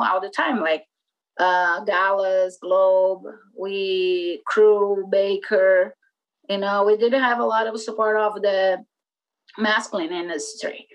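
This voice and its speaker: Over dull-sounding audio, a woman in her forties from Brazil speaks English as a second language with a Brazilian Portuguese accent, her voice medium in pitch. A skateboarder who once published a magazine, she rambles through a casual interview, leaning heavily on "like" and "you know."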